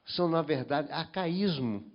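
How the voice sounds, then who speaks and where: A man's voice: fairly high pitch, expressive, a little slow, highs cut off. A man from the Brazilian Northeast on a panel, commenting at length and restarting his sentences often. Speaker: panel member. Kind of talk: panel discussion.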